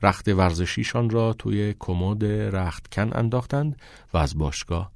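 Low-voiced man reading an audiobook. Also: gravelly, no room sound, studio quality. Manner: calm measured reading. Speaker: audiobook narrator. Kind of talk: scripted narration.

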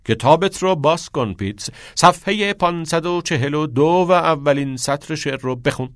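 A man's voice: a little high, no echo, clean studio sound, voice pushed up, close to an everyday voice. A man voicing a passionate middle-aged male teacher who urges and exclaims like a preacher. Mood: brisk, commanding.

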